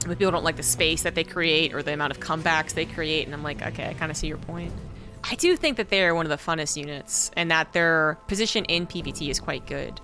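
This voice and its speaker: A woman's voice: deep voice, bright, forceful tone. A woman commenting on an esports match, talking through her views in a thoughtful, casual way with many fillers. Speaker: esports caster. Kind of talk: casual game commentary and analysis.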